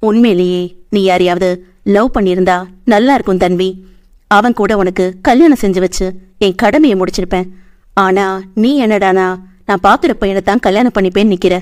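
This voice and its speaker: A woman's voice: mid-range voice, moderate pace, darkish tone, lightly acted. Woman voicing a stammering anxious young boss. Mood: sad. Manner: stammering, pleading. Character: anxious young male boss, tender and hot-tempered.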